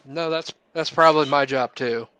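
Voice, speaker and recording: A man's voice: a little high, normal speed, bright, forceful tone, clear, resonant tone, no room sound. A man co-hosting a podcast, chatting casually with crude, laughing banter. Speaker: podcast co-host. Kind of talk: casual chat.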